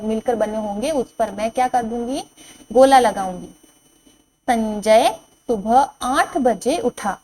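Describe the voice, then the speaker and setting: Slow-reading woman teacher. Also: fairly high pitch, slight background noise, low-quality recording. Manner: slow, drawn-out reading of each word, then repeating it; asks the children questions and answers them herself. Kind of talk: classroom lesson at a board.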